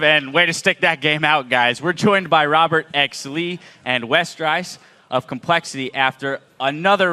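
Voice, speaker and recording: A man's voice: fairly high pitch, sharp tone, smooth. A man hosting an esports analyst desk, upbeat, introducing players after a match. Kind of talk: post-match interview.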